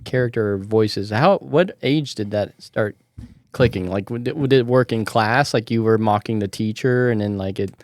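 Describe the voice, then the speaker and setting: A man's voice: on the low side, moderate pace, a little mellow, no room sound. A man hosting a podcast who asks questions and tells loose, chatty stories full of filler words. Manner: chatty, loose storytelling with many "like"s. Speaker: podcast host. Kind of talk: casual chat.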